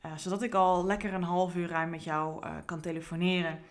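A woman's voice: on the low side, little pitch movement, fairly quick. A woman, a career coach, talking earnestly in a reflective podcast monologue with frequent fillers and restarts.

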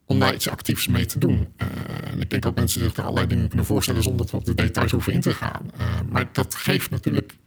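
A man's voice, electronically distorted to mask who he is, with a gravelly, creaky grain. He answers interview questions quickly but haltingly, often restarting his sentences. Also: mid-range voice. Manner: halting, with frequent restarts and fillers. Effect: voice electronically distorted to disguise identity. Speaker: technical specialist interviewed anonymously.

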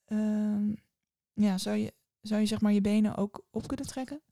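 A woman's voice: medium pitch, fairly even intonation, moderate pace, gravelly, warm tone, no room sound, natural voice. A shy, awkward witch's daughter from a storybook, as a woman acts her out, hemming and stumbling through every polite request. The voice is dry and close-miked. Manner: hesitant, full of ehm and stumbling.

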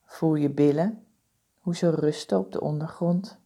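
Woman, meditation guide, very slow pace, dark relaxed tone, calm, soothing, deliberate. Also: low-pitched, slightly rough. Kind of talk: guided body-scan meditation.

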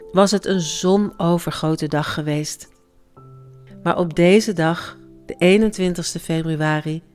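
A hushed, reflective memoir narrator. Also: mid-range voice. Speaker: grieving parent narrating. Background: faint music.

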